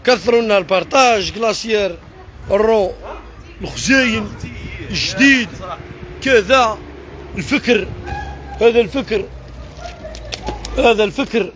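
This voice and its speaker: An Algerian man selling wares on a live stream from his shop, hawking in rapid repetitive calls. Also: sits high, fairly bright tone. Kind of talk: live sales pitch.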